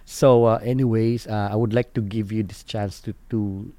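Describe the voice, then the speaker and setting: A man with a Filipino accent hosting an informal interview in English mixed with Tagalog tags, halting and repeating his words. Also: fairly low pitch, fairly even intonation, dark tone, slight background noise. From Philippines. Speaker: host interviewing a guest on a program.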